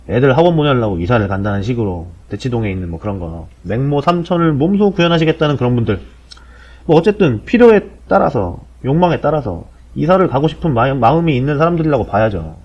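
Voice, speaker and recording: Dull, low-bitrate audio carries a man of about forty giving casual commentary. He talks fast, with lively swings in pitch. His manner is colloquial and irreverent, often putting rhetorical questions as he explains. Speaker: host of an explainer show.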